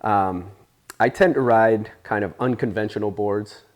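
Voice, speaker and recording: Man, forties, grew up in Spain, lowish voice, relaxed rambling interview talk. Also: unhurried. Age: 40s. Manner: easygoing, rambling, with many fillers. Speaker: interview guest, surfer. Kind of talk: casual storytelling interview.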